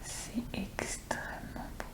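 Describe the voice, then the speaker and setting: A woman doing informal, soft-spoken ASMR show and tell in a breathy whisper, close and intimate as if right in the ear. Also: takes it slowly. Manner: informal, chatty. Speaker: ASMR video creator.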